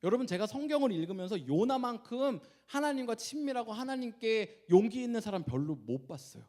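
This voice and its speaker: A male pastor preaching a sermon, animated and asking the congregation questions. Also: high-pitched, fairly quick.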